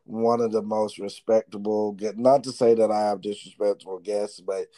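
A man's voice: on the low side, flat delivery, normal speed, warm tone, dry recording. A man hosting an interview, chatty and encouraging toward his guest. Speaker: interview host. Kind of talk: casual interview chat.

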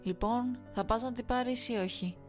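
A woman's voice: a little high, soft background music, voice pushed up, natural voice. A woman voicing a sarcastic nurse coworker. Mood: teasing. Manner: teasing, sarcastic. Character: mocking young woman nurse coworker, flippant. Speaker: night-shift nurse.

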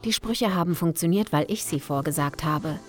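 Casting: woman as a strange young occult collector, calm, hushed and knowing, faint music behind. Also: low-pitched, moderate pace, natural voice. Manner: hushed, calm, instructive, often whispering. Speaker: Kathy. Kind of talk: German horror audio drama acting.

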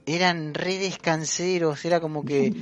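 A man's voice: a little high, steady tone, unhurried, no echo. A young man with a Rioplatense Spanish accent, chatting casually with friends in slangy talk and frequent laughter. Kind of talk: casual chat among friends.

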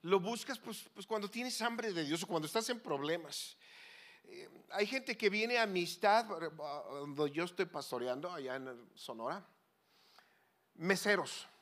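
A man preaching a sermon as a pastor, swinging between loud pleading cries and hushed, low asides. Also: lively intonation, unhurried. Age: 40s or older.

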